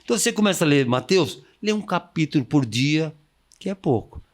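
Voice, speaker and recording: A man's voice: fairly high pitch, animated, brisk. A man, a missionary guest giving enthusiastic, preaching-style advice and acting out the inner voices he quotes. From Brazil. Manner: exuberant, acts out quoted inner voices, calls for amens.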